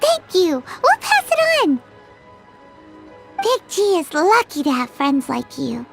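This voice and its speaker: A woman voicing a tiny, excitable floating fairy companion who speaks of herself in the third person, in a high, squeaky, childlike voice for a video game. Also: slow, creaky, faint music behind, exaggerated voice. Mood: earnest.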